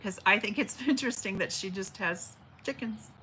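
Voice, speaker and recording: A woman in her forties hosts a casual livestream, reading viewer comments with chatty affection in a big teacher voice, with frequent fillers and restarts. Her medium-pitched voice is bright and forceful, at a moderate pace. She's at home beside an open window with birds outside, on a rough recording with a little hiss or hum.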